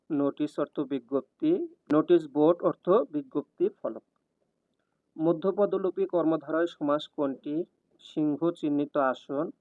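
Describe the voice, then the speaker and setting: Reading from a script, a male exam prep tutor goes through questions and their answers at an even, measured pace in a fairly high voice. The sound is close and thin, like a phone, fully dry with no room sound at all.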